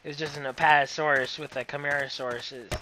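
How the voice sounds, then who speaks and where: A man's voice: on the high side, level tone, fast talker, sharp tone, slight background noise. A man giving casual, rambling commentary over a game playthrough, apologetic and given to corny jokes. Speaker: gameplay commentator.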